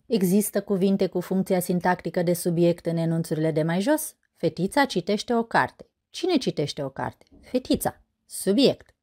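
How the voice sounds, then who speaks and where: A Romanian-accented woman reading a scripted grammar lesson, asking and answering her own questions in a clear, measured way. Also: on the low side, animated, a little mellow. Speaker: teacher presenting a grammar lesson.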